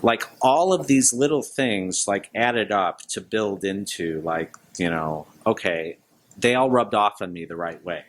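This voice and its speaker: A man's voice: lowish voice, measured pace, a little hiss or hum. A man answering interview questions as a guest, speaking informally in loosely strung thoughts. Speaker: interview guest, business leader.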